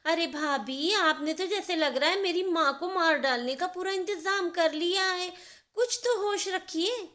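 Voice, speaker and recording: A woman voicing a quarrelsome young married sister-in-law who scolds loudly in a shrill voice. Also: unhurried, full character voice. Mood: scolding.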